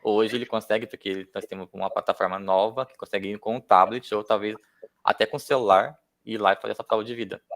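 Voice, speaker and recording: Fast-talking low-voiced Brazilian man. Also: fairly even intonation, fairly bright tone. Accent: Brazilian Portuguese. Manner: informal, explanatory. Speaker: speaker. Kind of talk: casual technical explanation.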